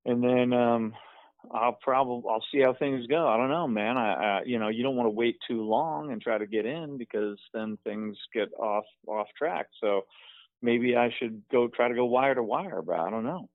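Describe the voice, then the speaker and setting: A man with a frat-bro way of talking phones in to a radio show, casual and slangy. His voice is smooth, relaxed and middling in pitch. The line is narrow and lo-fi, with little room sound. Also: normal speed, no echo. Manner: laid-back frat-bro slang, often saying "bruh". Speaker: call-in guest, past contest champion. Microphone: telephone.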